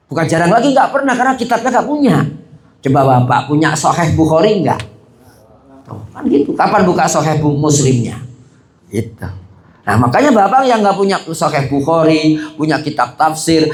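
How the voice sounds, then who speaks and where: A man preaching a casual study sermon, chatting the audience, asking them questions and saying "gitu" and "begitu" again and again. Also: high voice. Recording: roomy hall echo.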